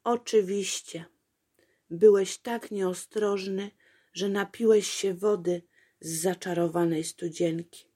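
A woman's voice: mid-range voice, steady tone, takes it slowly, dark tone, breathy edge. A woman voicing a fussy little princess who frets and exclaims breathlessly. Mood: fretful. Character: fussy little princess girl, easily worried.

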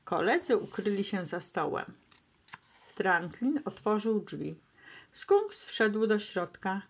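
A woman storyteller reading a bedtime tale to children. She reads slowly and gently, and her pitch rises and falls expressively with each sentence. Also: very animated, slightly rough.

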